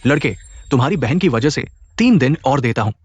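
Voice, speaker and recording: A man's voice: medium pitch, animated, fairly quick, darkish tone, slightly rough, no room sound. A man voicing a threatening young debt collector thug in a dubbed drama. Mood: menacing. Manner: threatening, taunting.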